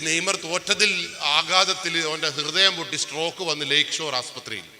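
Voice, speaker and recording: A man giving a lively motivational class, quizzing his audience often and swinging his voice up and down for emphasis. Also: fairly high pitch. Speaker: speaker giving a family class. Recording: reverberant hall with faint ambient noise.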